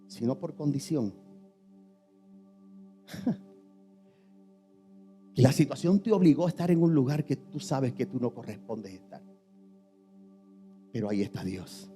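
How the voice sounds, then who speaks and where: Impassioned high-voiced pastor. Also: male voice. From Puerto Rico. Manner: impassioned preaching, swinging between shouting and hushed tones; addresses the congregation directly, names listeners. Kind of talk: sermon. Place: church.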